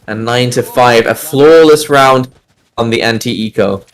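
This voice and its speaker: Male esports co-caster, mid-pitched voice, steady analytical commentary. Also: a little slow, low-quality recording. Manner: steady, analytical breakdowns of the game. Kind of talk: live game commentary and analysis.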